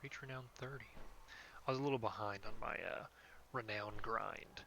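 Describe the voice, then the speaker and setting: A man's voice: lowish voice, normal speed, vocal fry, bright, forceful tone, slight background noise. A man streaming a video game, chatting casually, joking and swearing, and reading quest text aloud. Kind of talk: casual gameplay commentary. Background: game music.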